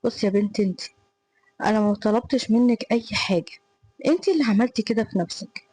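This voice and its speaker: A woman's voice: medium pitch, fast, mellow, slightly rough, dry recording, close to an everyday voice, poor audio. A woman reading the part of a cruel, scornful young male tutor in an Egyptian Arabic accent, harsh and threatening.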